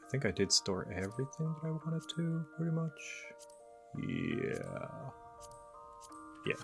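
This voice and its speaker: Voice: mid-range voice, wildly swooping pitch, unhurried, gravelly, music in the background. A person chatting casually while playing an online game on a stream. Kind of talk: casual gaming stream chat.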